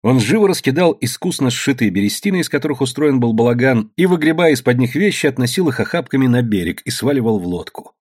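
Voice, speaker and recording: A man's voice: mid-range voice, sing-song, fast talker, hardly any pauses, a little mellow. A man narrating an audiobook in a dramatic storytelling manner.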